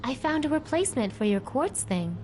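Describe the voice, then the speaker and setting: An actress voices a plucky, curious teenage baker girl in a video game, keeping it breezy and casual. Her voice sits high and sing-song with a brisk pace, and game background music plays behind her, making the recording noisy.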